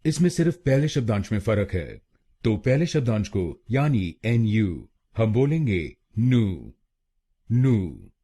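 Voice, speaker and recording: A man's voice: on the low side, sing-song, a little slow, dark tone. A man from India narrating a scripted pronunciation tutorial, breaking words into syllables and repeating each one. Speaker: pronunciation teacher.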